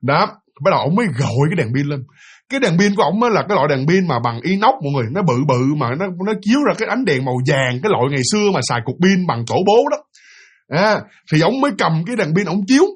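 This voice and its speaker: A fast-talking man with a fairly high, husky voice and a Southern Vietnamese accent animatedly recounts a ghost story in casual style, leaning heavily on fillers and repetition.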